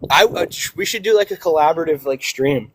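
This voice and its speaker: A man in casual live stream chat, quick to push back and argue his point. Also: on the high side, lively intonation, slightly rough.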